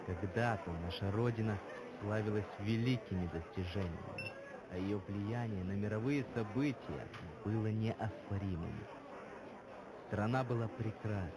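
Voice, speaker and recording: A man's voice: mid-range voice, lightly acted. A man acting a fervent, grandiose patriot who longs for Soviet glory, declaiming solemnly in a scripted dramatic speech. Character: fervent Soviet-nostalgic Russian patriot orator, grandiose and menacing. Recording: clearly noisy background ambience.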